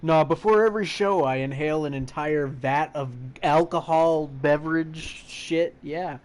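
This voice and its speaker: A man's voice: a little high, unhurried. A young man co-hosting a podcast, chatting casually in a rambling, crude way full of fillers. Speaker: podcast co-host. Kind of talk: casual chat.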